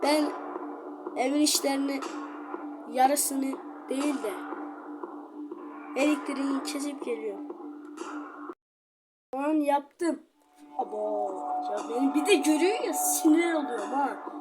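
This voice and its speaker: Excitable high-voiced woman narrating gameplay. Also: a little slow, long pauses, over music. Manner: chatty, excitable, talks straight to viewers. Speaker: gaming channel host. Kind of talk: casual gameplay commentary.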